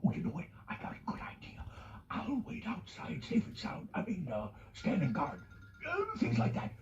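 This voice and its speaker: Cartoon: nervous fibbing character, wild swooping pitch, dull TV sound with music. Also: female voice, wildly swooping pitch, normal speed, reverberant, recorded from a distance, noisy background. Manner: jittery, shifty excuses. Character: nervous cartoon character, scared but boasting. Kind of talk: preschool cartoon voice acting.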